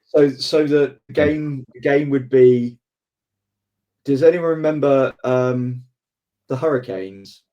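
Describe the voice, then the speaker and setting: Mid-pitched man in casual banter. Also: slow, dark tone, muffled recording.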